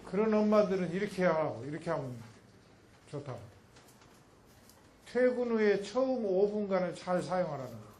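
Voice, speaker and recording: A man giving a public lecture in an animated way, acting out a mother and child when he quotes them. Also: high-pitched, moderate pace, long pauses, a little hiss or hum, low-quality recording.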